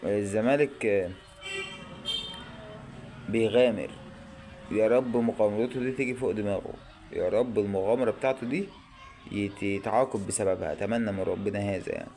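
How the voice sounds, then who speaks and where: Fast-talking anxious Egyptian man. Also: lowish voice. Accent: Egyptian Arabic. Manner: anxious and excitable, pleading and exclaiming. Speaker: football fan vlogger. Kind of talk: live match reaction commentary.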